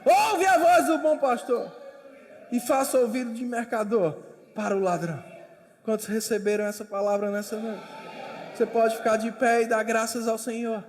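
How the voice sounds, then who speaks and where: A man's voice: extremely high pitch, normal speed, long reverb tail. A man preaching a sermon as pastor, with emphatic, repetitive exhortation. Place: church.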